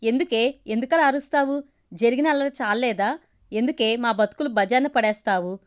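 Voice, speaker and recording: A woman's voice: on the high side, moderate pace, close to an everyday voice. A woman voicing a harsh, worried middle-aged mother who scolds. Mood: scolding.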